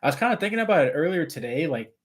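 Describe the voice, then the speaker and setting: Casual man with soft W-like R's. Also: a little high, big pitch swings, very fast. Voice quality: trouble pronouncing R's, sounding them like W. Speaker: live stream host. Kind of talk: casual chat, answering viewer questions.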